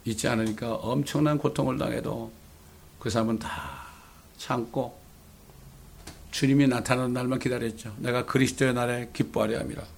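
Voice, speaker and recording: A man's voice: medium pitch, steady tone, normal speed, gravelly, a little hiss or hum. A man preaching a sermon as pastor, with rhetorical questions and dramatic quoted lines. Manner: preaching with dramatic voiced scripture quotes and English phrases.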